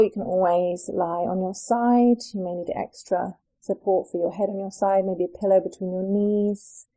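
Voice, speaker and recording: In a rough recording, a woman with a mellow, dark and relaxed voice talks listeners through a guided relaxation. She comes across like a gentle, soothing yoga teacher, taking unhurried pauses, and her pitch is typical middle range for a woman.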